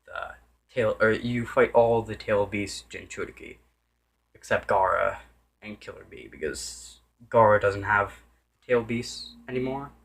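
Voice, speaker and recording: A man's voice: lowish voice, unhurried, gravelly, a bit bright. A man giving a casual, unscripted game review, rambling with many restarts and self-corrections and sometimes losing his train of thought.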